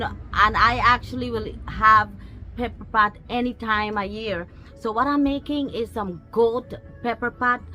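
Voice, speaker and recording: A woman with a Guyanese accent, originally from Guyana, runs a cooking vlog from her backyard, showing a recipe while chatting casually to her audience and pets. Her voice is a little high, with a sharp tone.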